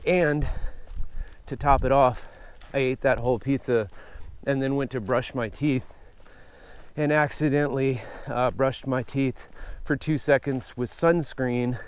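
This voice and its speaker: A man's voice: medium pitch, steady tone, measured pace, smooth. A man narrating casually while hiking a trail outdoors, out of breath, with rambling self-deprecating asides. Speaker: hiking vlogger. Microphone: newly bought camera microphone.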